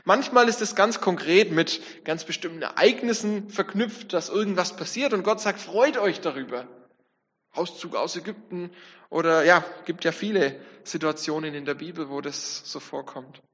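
A man's voice: sits high, moderate pace, a bit bright. A man preaching a sermon, talking reflectively and speaking straight to his congregation. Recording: long church reverb.

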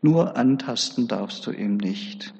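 A man preaching a sermon, telling the story in a lively, chatty way with conversational asides. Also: medium pitch, slow, gravelly, husky, in a large hall, lo-fi sound.

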